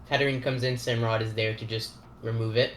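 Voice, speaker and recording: A man co-hosting a gaming league recap, chatty and quick to stammer and laugh. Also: on the low side, flat delivery, fairly bright tone, echoey room, slight background noise. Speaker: league co-host and player. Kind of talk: casual recap commentary.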